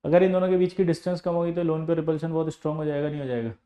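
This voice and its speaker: A male chemistry tutor, lecturing his class in a high, animated voice. He teases and scolds students between explanations. He drives points home with repeated, everyday examples. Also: rapid-fire. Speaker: chemistry coaching teacher.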